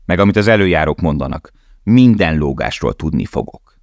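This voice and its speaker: Man doing a mean foreman yelling orders, raspy, pushed up high, dry close sound. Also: lively intonation, dry recording. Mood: harsh shouting. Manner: shouting commands. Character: brutal male prisoner foreman, shouting and scornful.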